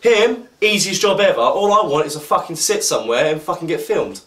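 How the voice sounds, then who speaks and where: A man's voice: fairly high pitch, very animated, brisk, a bit bright, distant mic. A man talking crudely and brashly, full of swearing. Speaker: cast member joking as a gangster. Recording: echoey room, from off-mic.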